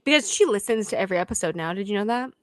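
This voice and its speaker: A woman's voice: mid-range voice, racing. A young woman co-hosting a podcast, telling family stories with lots of laughter. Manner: animated storytelling with laughter. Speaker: podcast co-host. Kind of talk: casual chat.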